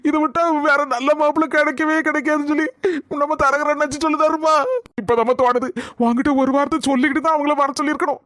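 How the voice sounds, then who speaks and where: A woman voicing an aging, worried village father who pleads softly and near tears, in a cartoon comedy. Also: sits high, fairly even intonation, quick pace, no room sound, clean studio sound. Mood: tearful pleading. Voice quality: soft, pleading, tearful.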